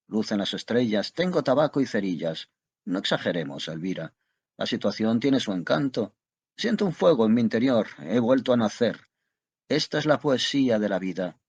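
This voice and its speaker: A man's voice: mid-range voice, lively intonation, moderate pace, a little mellow, breathy edge, no room sound, dull audio. A man doing a grandiose old-stage French actor. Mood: grandiloquent. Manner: florid, declamatory, playful.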